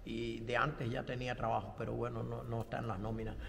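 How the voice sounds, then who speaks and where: A man's voice: mid-range voice, level tone, fast talker, vocal fry, in a large hall, a little hiss or hum. An older man from Cuba, a pastor and theology professor, answering interview questions in a reflective way with light self-deprecating humor. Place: studio set with bright backdrop.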